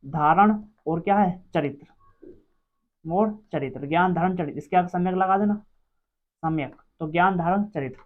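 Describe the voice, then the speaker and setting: A teacher running an exam-prep quiz lesson, asking each question aloud and answering it, repeating every answer several times. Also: mid-range voice. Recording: dull lo-fi recording.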